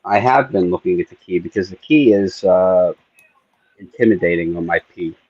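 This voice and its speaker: A man's voice: deep voice, moderate pace, a little mellow, breathy edge, dry recording. A man hosting a casual stream, muttering to himself as he works. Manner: mutters to himself while working. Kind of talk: casual chat while picking. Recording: dull lo-fi stream audio.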